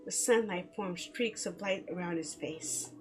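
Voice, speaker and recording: Over soft background music, a woman with a lowish, unhurried voice streams a game. She chatters and giggles to herself, reading the visual novel's story text aloud in a playful way.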